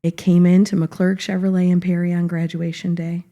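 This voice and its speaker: A woman's voice: lowish voice, normal speed, highs cut off. A middle-aged woman, a former teacher, telling a vivid story as a podcast guest. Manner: animated storyteller.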